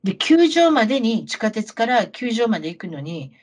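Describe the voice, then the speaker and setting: A woman's voice: a little high, moderate pace, husky. A middle-aged woman with a Kansai Japanese accent, telling anecdotes in casual chat like a talkative auntie, often throwing questions to the listener. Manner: chatty, animated Kansai auntie storytelling with rhetorical questions. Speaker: podcast co-host telling travel stories.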